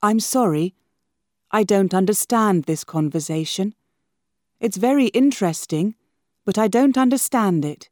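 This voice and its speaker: A woman's voice: medium pitch, expressive, a little slow, darkish tone, no echo, clean studio sound, close to an everyday voice. A woman reading a polite naive young man. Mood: puzzled. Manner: formal, careful, polite.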